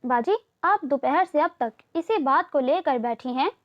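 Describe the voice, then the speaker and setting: A bristling, sarcastic young woman read by a female narrator in an audio novel. She sulks and snaps back in a high voice. The recording sounds a bit dull and lo-fi. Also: lively intonation, a little slow. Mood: sulky. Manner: sulky, sarcastic retorts. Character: sharp-tongued young woman, sulky and indignant.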